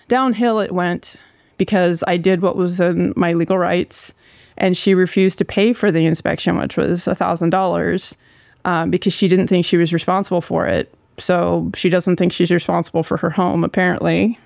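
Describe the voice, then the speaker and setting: Gravelly, crackling voice with heavy vocal fry. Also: medium pitch, flat delivery, moderate pace, no echo, clean studio sound. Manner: candid, informal, occasional swearing. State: long-running sore throat. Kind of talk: casual personal storytelling.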